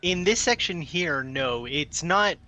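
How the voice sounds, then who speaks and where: A man runs a tabletop game as its game master, describing scenes in a casual, conversational way. His voice sits a little high and has a bright, forward edge. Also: expressive, takes it slowly.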